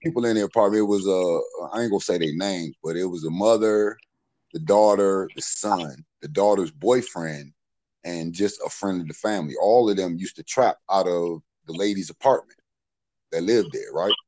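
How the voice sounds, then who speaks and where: A man's voice: low-pitched, normal speed, darkish tone, no echo, low-quality recording. Laid-back storytelling man, dry close sound. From Maryland, USA. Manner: laid-back, profane, fillers like "you know what I'm saying". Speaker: podcast storyteller. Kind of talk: casual street storytelling.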